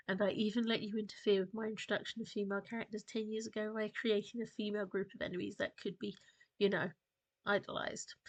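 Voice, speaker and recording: A croaky woman reading a defiant woman nearing forty. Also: a little high, rough recording. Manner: read plainly without doing a voice.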